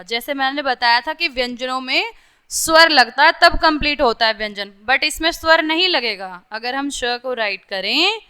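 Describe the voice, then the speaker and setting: Speaking Hindi laced with English words, a young woman teaches small children, carefully sounding out each letter and repeatedly making sure they understand. Her pitch is high and her tone bright and forceful.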